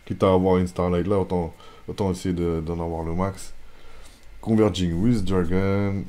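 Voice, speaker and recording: A man with a French accent opening trading card packs on his channel, listing card names one after another and breaking into excited bursts over rare pulls. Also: sits low, normal speed. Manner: reads card names in a steady list, bursts into excited exclamations. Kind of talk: casual pack-opening commentary.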